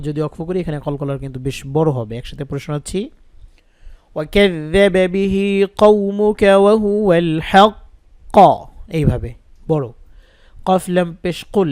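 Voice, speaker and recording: A man's voice: a little high, mellow, dry recording, clean studio sound. A man teaching Quran reading in a lesson, patiently spelling out letters and vowel marks one by one. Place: indoors, rain audible outside.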